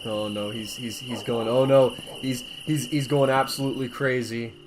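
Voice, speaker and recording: A man's voice: mid-range voice, steady tone, normal speed, background noise. A man streaming a game, chatting casually with a co-host and reading game text aloud in a playful way. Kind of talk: casual game playthrough commentary.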